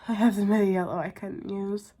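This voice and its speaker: Still a bit raspy from recovering after being sick, a young beauty vlogger talks casually through her makeup tutorial, murmuring and letting sentences trail off. Her voice is medium-pitched, steady and mellow, at a moderate pace.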